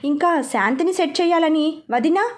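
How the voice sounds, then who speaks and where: A woman reading aloud a serialized novel as storyteller, steady and expressive. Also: high-pitched, moderate pace. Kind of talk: scripted narration of a serialized novel.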